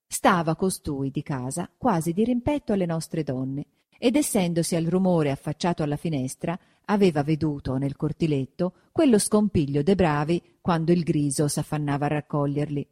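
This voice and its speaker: A woman giving an expressive, dramatic audiobook reading of a classic novel. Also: sits low, moderate pace. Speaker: narrator.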